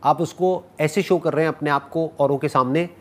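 At a normal speed and a fairly high pitch, a man gives an animated motivational talk and handles audience questions. He teases playfully and mixes English phrases into his Hindi.

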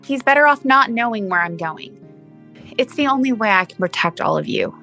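A woman's voice: a little high, lively intonation, brisk, creaky, sharp tone, soft background music, exaggerated voice. An actress playing a guarded, secretive woman in an audio drama, evasive and tense. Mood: anxious, firm.

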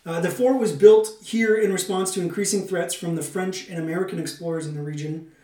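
A man's voice: high voice, steady tone, fairly quick, dark tone. A man hosting a podcast, mixing semi-scripted narration with casual, playful banter and a theatrical turn of phrase. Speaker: podcast host. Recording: roomy echo, distant microphone.

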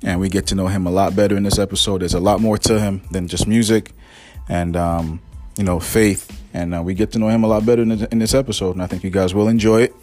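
Faint music sits behind this deep-voiced podcast host, a man from Haiti in his forties. He interviews a guest casually, talking quickly and easily, with plenty of filler words.

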